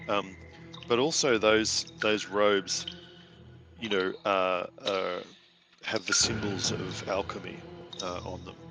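A man's voice: low-pitched, steady tone, takes it slowly. A man running a tabletop game as game master, narrating hesitantly with frequent fillers. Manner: hesitant, with many fillers and restarts. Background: music.

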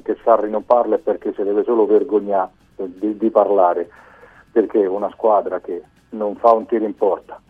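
A man's voice: fairly low pitch, slightly rough. A man calling in to a radio show over the phone, a blunt, grumbling football fan. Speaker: caller. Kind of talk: sports call-in rant. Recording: tinny phone line with faint music.

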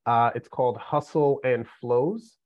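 A man in his forties, a management professor appearing as a podcast guest, chats casually in a laid-back, joking, self-mocking manner. His mid-range voice is a little slow, and the recording is dry with the highs cut off.

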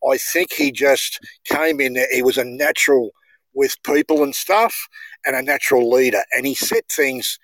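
A man's voice: mid-range voice, no echo, poor audio. A man, a podcast guest telling long, rambling stories in casual chat. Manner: rambling storyteller, says mate.

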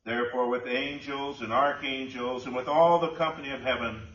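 A man leading a church liturgy, intoning prayers in a formal, solemn, measured way, his voice ringing with a cathedral-like echo. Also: mid-range voice, steady tone, a bit bright. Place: large church sanctuary. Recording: dull, echoey church from far off.

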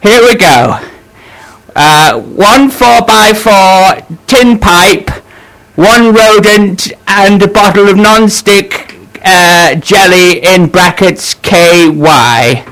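A man putting on the voice of a polite, befuddled elderly man in a prank phone call, slow and hesitant with many pauses and uhs. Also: sits high, a bit bright, heavily acted. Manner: hesitant, fumbling with frequent uhs, slow and genteel. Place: radio studio.

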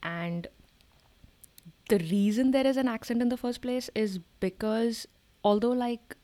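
A woman's voice: a little high, a little slow, mellow. A woman in a casual discussion, explaining things and often checking that the listener follows.

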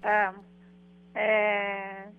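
A woman's voice: mid-range voice, monotone, drawn-out words, slight background noise. A woman heard over a landline phone call, puzzled and asking who is calling. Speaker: prank call target. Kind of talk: phone conversation.

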